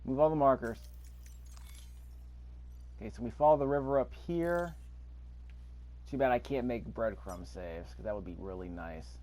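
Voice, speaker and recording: A gamer recording a gameplay video offers casual commentary, thinking aloud to himself while he plays. His mellow, medium-pitched voice moves at a moderate pace with frequent pauses.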